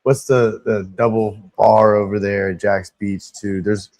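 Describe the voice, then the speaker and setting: A man's voice: on the low side, flat delivery, a little slow, darkish tone, dry recording. A man from Jacksonville, Florida, chiming in eagerly on a casual chat. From Jacksonville, Florida, USA.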